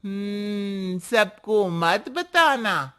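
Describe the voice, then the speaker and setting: Cartoon auntie, older woman, slow and knowing, measured delivery, voiced by a woman. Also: mid-range voice, expressive, fairly bright tone, clean tone. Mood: cautioning. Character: older neighborhood auntie, warm but secretive. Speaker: neighbor. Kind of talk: cartoon voice acting.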